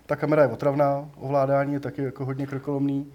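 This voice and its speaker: A man's voice: mid-range voice, completely flat delivery, dull audio. A man co-hosting a casual gaming podcast, talking in long rambling stretches full of fillers. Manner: rambling, heavy use of fillers. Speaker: podcast co-host. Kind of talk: casual chat about video games.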